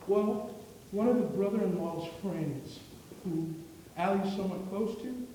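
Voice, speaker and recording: Guy preaching a class sermon, mellow highish voice, lots of ums, echoey room mic far off. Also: unhurried, slight background noise. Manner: storytelling with many fillers and restarts. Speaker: preaching student.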